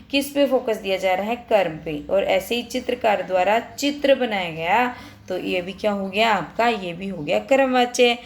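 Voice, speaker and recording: A female teacher talks a class through a worksheet in a steady, mid-range voice. She explains patiently, speaks straight to her students and goes back over each point. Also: medium pitch. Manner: patient, addresses students directly, repeats points.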